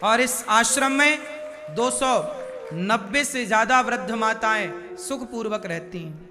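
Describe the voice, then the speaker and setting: A man preaches a devotional story in a very high voice, breaking into chanted verses and then explaining them. His voice rings through a live hall with long reverb, and music plays behind him. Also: takes it slowly, crowd noise.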